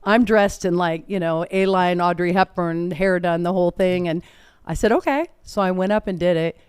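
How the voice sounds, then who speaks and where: Chatty woman with a smooth voice. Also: on the low side, normal speed, dry recording. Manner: chatty, laughing, animated storytelling. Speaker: performer and guest. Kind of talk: casual interview chat.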